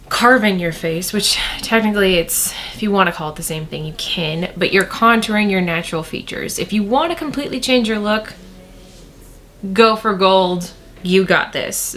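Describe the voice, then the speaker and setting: A woman's voice: medium pitch, fairly bright tone. Chatty woman giving a makeup tutorial. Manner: chatty, repeats words for emphasis. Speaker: beauty vlogger.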